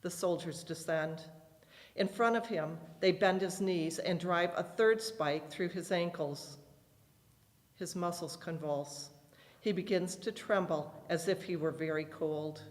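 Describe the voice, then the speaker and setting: A reader narrating a grave, deliberate retelling of an execution in a church. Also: mid-range voice. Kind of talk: dramatic scripture narration. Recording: long church reverb.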